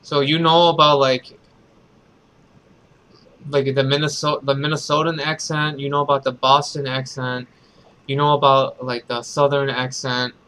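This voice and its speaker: Streamer guy, bright voice, rambling let's-play talk. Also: medium pitch, flat delivery, a little slow, clear, resonant tone, low-quality recording. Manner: hesitant, rambling. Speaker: game streamer. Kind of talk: casual let's-play commentary.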